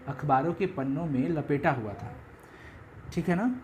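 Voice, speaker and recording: Male teacher, lively storytelling lesson, talks to students directly, faint background hiss. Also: fairly high pitch, normal speed, rough recording. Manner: chatty, animated storytelling with asides to students. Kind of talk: Hindi literature lesson explaining a story.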